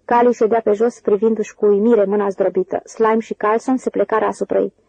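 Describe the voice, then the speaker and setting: A woman's voice: medium pitch, level tone, gravelly, dark tone, breathy edge, dry recording, lo-fi sound. Woman reading a novel aloud. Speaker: audiobook reader. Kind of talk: scripted narration of a novel.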